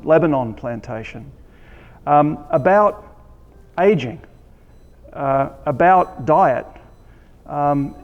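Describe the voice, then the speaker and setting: A man with an Australian accent giving a conference presentation, relaxed and joking, with many ums and restarts. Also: fairly high pitch, vocal fry, big-room sound, dull audio. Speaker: conference speaker. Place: conference hall.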